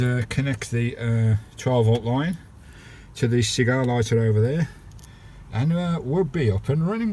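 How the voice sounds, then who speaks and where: A mellow, medium-pitched male voice with an English accent comes through a handheld camera microphone with slight background noise. He chats casually and matily to viewers with colloquial turns of phrase while working on a radio installation in and around his parked campervan.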